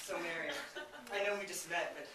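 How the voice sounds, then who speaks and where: A man's voice: a little high, fairly quick, lightly acted. A young man playing a flustered, nerdy male college freshman who backpedals awkwardly, on a stage. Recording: echoey stage from far off, loud noise.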